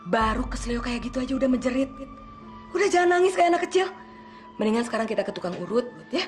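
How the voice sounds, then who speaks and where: An actress playing a gossiping, scolding middle-aged aunt in a TV drama. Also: female voice, on the high side, lively intonation, soft background music, lightly acted. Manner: brisk, scolding then gossipy. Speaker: aunt figure.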